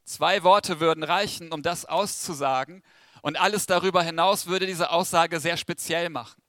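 A man's voice: on the high side, fairly even intonation, moderate pace, pushed and bright, dry recording, studio quality. A man preaching a sermon in a church, engaging the congregation with questions and jokes while holding a microphone. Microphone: handheld microphone.

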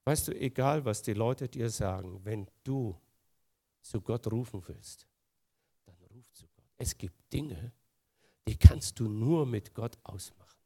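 A man preaching a sermon, earnest, moving between quiet, soft passages and emphatic, louder lines. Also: mid-range voice, unhurried, long pauses.

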